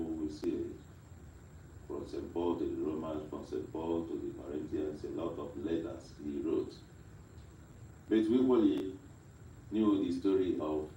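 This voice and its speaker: A man leading mass as a priest, chanting and reading the gospel with a slow, solemn delivery, heard with a cathedral echo from a distant mic. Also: rumbling low, warm tone, slight background noise. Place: large reverberant church.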